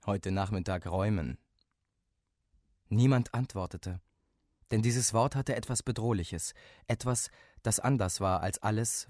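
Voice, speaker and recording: A man reading a story aloud as narrator, expressive and lively. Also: low-pitched, no echo, studio quality.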